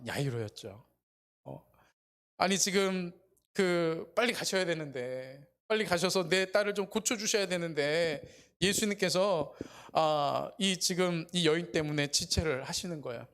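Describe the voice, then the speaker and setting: A man in middle age, a pastor preaching to his congregation. His voice sits a little on the high side, and he talks in a plain, conversational tone with frequent "uh" and "ah." He speaks as if telling a story rather than giving a formal speech. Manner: conversational preaching with many fillers. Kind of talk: sermon.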